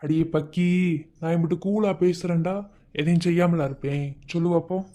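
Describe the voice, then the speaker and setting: A man's voice: a little high, normal speed, close to an everyday voice. An actor playing a kind young village man, speaking reassuringly in Madurai Tamil in a cartoon. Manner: reassuring, steady. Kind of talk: cartoon voice acting.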